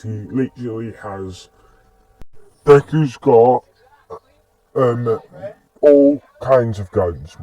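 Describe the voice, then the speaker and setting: A man's voice: medium pitch, darkish tone, dry recording. A man casually retelling a fan-made story, rambling with restarts. Recorded on a distant mic.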